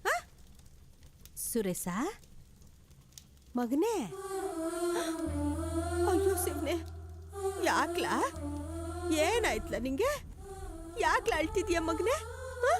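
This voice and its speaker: A worried, emotional village mother, pleading in in a high, swooping voice. She talks in an anxious, lamenting way. Loud film music plays behind her. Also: very animated, takes it slowly, pauses often, heavily acted. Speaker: mother of a grown son. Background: film score music.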